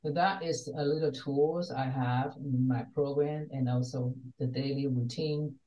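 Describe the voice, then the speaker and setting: A woman's voice: a bass voice, steady tone, a little slow, warm tone, dull audio. An older woman from Taiwan, a wellness coach speaking earnestly as a guest on a video call from her home study. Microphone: video call webcam. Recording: roomy webcam sound from a distance.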